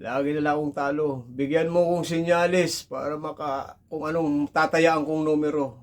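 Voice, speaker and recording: A man's voice: a little high, steady tone, moderate pace, close to an everyday voice. Man playing a desperate, hot-headed gambler. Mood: pleading. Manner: pleading, then yelling curses. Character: desperate middle-aged male gambler, hot-tempered.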